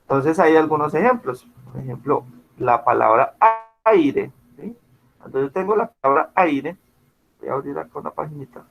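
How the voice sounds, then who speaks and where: A male school teacher gives an online class over a video call, explaining patiently and checking often that his students are following. His voice sits on the high side and is animated, with vocal fry and a normal speaking speed. The audio is muffled, typical of a video call, and faint music plays behind him.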